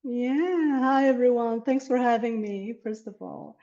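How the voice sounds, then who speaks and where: A woman speaks English in a mellow, relaxed voice as an earnest interview guest who laughs often. The audio is somewhat dull and muffled, as if from a modest microphone. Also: on the high side, a little slow. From Slovakia. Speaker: herb farmer and interview guest. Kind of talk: casual interview over video.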